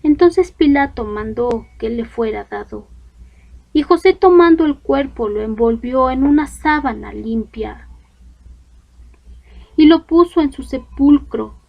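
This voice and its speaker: A woman reading scripture aloud in a measured, deliberate way, pausing between phrases. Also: sits high, animated, creaky. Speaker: scripture reader. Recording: dull lo-fi recording.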